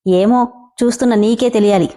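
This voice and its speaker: A woman's voice: on the high side, fairly quick, mellow, close to an everyday voice. Woman voicing a curt, guarded young mother. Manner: curt, anxious.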